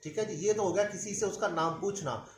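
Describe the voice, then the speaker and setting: A male language teacher giving a video lecture, patiently repeating words slowly so learners can drill them. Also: high-pitched, a little hiss or hum. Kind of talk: classroom-style video lecture. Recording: echoey room.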